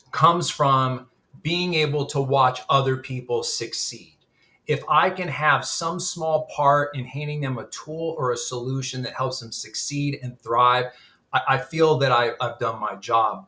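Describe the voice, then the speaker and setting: Earnest man, admissions executive guest, bright forward tone. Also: mid-range voice. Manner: earnest storytelling. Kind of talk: casual webinar interview.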